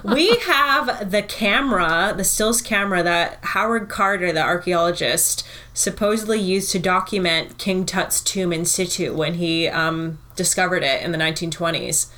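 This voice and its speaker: A woman with a fairly low voice chats with a friend in an easygoing way. She gets enthusiastic and rambles a little, with plenty of fillers as she gathers her thoughts. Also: moderate pace, few pauses, pushed and bright. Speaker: museum worker, podcast co-host. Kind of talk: casual chat.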